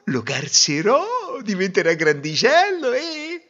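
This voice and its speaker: Silly weepy young bride, high wailing voice swooping all over. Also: male voice, huge pitch swings, measured pace, fairly bright tone, heavily acted. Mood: wailing lament. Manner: wailing, sobbing lament. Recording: dull lo-fi recording.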